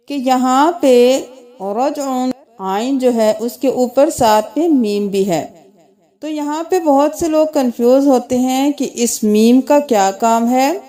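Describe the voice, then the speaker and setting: A woman teaching Quran reading, spelling out letters and vowel marks, then reciting verses slowly and melodically. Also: high-pitched, dark tone. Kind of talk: tajweed lesson with slow recitation.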